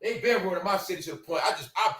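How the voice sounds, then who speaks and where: A man with a high, fairly bright voice talks fast as he hosts a livestream from Brooklyn, New York. He's heated and profane, constantly calling out "y'all" and "bro" to his audience.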